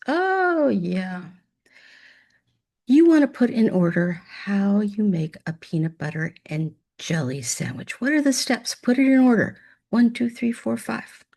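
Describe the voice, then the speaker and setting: A woman's voice: on the low side, gravelly, darkish tone. A woman teaching a demo math lesson over screen share, upbeat and chatty, talking to imagined students.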